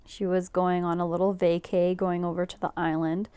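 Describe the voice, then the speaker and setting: A woman talks her way through a nail tutorial in a loose, rambling, chatty manner. Her voice sits on the low side and comes across smooth and clear. The sound is close and dry, with no room around it. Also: level tone, moderate pace, warm tone, dry recording. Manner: chatty, rambling, laughs easily. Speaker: nail technician. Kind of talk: casual tutorial narration.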